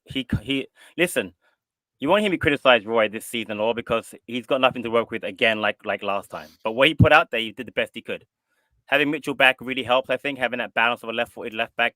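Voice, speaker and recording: Male pundit, rapid talker, forceful bright voice, emphatic, repetitive, casual football chat. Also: medium pitch, no room sound, low-quality recording. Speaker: co-host pundit.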